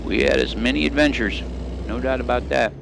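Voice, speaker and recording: A man's voice: medium pitch, a little fast, vocal fry, background noise. A middle-aged man hosting a gaming video, telling old stories in a folksy, rambling drawl with country grammar while driving in the game. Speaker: gaming channel host.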